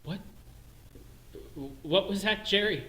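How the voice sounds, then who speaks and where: An actor playing a bitter middle-aged clerk with a Northern Irish accent in a theatrical monologue, swinging between hushed self-loathing and shouted rage. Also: male voice, high voice, slow, heavily acted. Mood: uneasy. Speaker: stage actor in a one-man show. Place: performance space, live stream. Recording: roomy echo.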